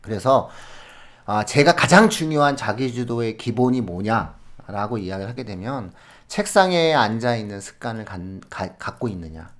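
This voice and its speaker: A man on an education podcast, telling classroom stories in an animated way and laughing often as he gives advice. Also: on the low side, normal speed. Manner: animated storytelling with frequent laughs; explains in a friendly advising way. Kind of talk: conversational podcast talk.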